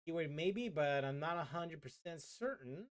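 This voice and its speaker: A game livestreamer chats casually over video game music, his voice slightly high and expressive at a normal pace. He sounds hesitant and apologetic, often repeating his phrases.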